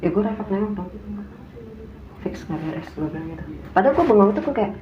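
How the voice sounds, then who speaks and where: A young woman tells a story in Jakarta slang at a quick clip. She is animated and acts out what people said. The recording is roomy and a little muffled. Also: mid-range voice, a crowd in the background. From Indonesia. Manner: animated, acts out quotes in a raised voice. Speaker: guest. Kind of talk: casual storytelling. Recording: echoey room, dull sound, faint hum.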